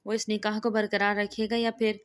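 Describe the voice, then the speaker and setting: A woman's voice: mid-range voice, flat delivery, clean tone, close to an everyday voice. Woman reading as a loyal young woman friend, soothing, reassuring, storybook.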